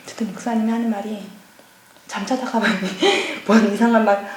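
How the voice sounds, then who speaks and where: Pastor's wife telling her story at a church seminar, animated and lively, lots of room echo. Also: medium pitch, moderate pace, background noise. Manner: lively storytelling, acting out past conversations. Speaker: pastor's wife giving a testimony. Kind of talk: personal testimony at a church seminar. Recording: echoey church hall.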